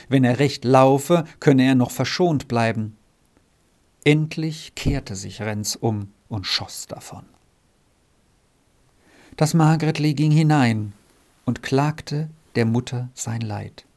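A man narrating a storybook in a measured way, dropping softer at tense moments. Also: medium pitch, gravelly.

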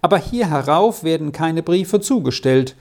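A storybook reader voicing a kindly, cheerful adult male alpine herdsman who reassures gently. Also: medium pitch, animated, moderate pace, close to an everyday voice. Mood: eager. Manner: warm reassuring, gently persuasive. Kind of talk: storybook reading.

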